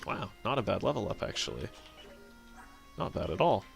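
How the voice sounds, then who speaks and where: Male let's play host, low and gravelly with a forceful edge, rambling and profane, faint game music under. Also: sing-song, moderate pace. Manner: thinks aloud, rambling and self-correcting, swears casually. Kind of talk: casual gameplay commentary.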